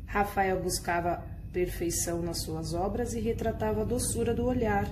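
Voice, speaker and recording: Patient woman teacher explaining slowly. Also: on the high side, background noise. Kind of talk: recorded class lesson.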